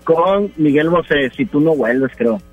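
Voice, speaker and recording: High-pitched Mexican man calling in by phone. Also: a little slow, faint music behind. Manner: relaxed, teasing. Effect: over the phone. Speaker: caller. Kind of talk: casual joking chat. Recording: dull phone line.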